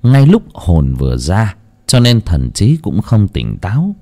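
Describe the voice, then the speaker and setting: A man voicing a calm elderly Buddhist monk who speaks slowly and solemnly. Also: lowish voice, exaggerated voice. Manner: slow, measured, solemn chanting tone.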